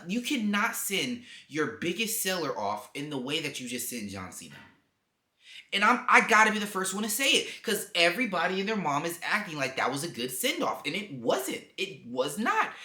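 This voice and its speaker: A man's voice: high voice, very animated, normal speed, bright, forceful tone. Heated young man ranting in echoey room. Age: young adult. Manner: heated, profane, emphatic ranting. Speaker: wrestling commentary vlogger. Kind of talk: opinionated rant to camera. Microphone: camera mic.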